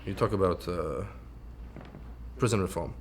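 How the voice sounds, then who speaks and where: A man's voice: low-pitched, measured pace, a little hiss or hum. A man from France interviewing a guest in a casual chat, teasing and provocative as he reads out crude audience questions.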